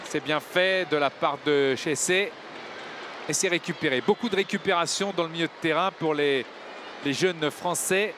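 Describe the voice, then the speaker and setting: A man co-commentating live on football as excited sports commentary. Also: fairly high pitch, normal speed. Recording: clear outdoor stadium noise behind. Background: outdoor ambience of a football match.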